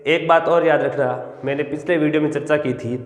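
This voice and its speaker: A man's voice: a little high, fairly even intonation, fairly quick, roomy sound, big-room sound. A man teaching English grammar in Hindi, explaining step by step and answering his own questions. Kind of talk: classroom lesson.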